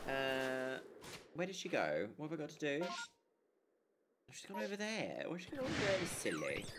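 An Essex-accented woman doing live game commentary, cracking jokes as she reads the story aloud. Her pitch moves around a lot. A faint hiss of noise sits under the voice. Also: wildly swooping pitch, moderate pace. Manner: joking, reads dialogue in silly voices. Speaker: streamer.

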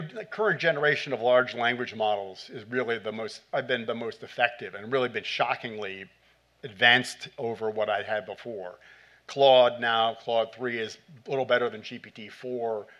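Speaking into a podium mic in a hall, a middle-aged conference presenter fields questions after his talk. His mid-range voice is a bit bright and moves at a moderate pace, coming out in short bursts packed with fillers.

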